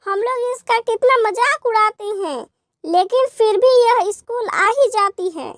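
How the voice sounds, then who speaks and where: A woman's voice: extremely high pitch, expressive, measured pace, no echo. A woman voicing a mean, mocking schoolgirl in a cartoon story.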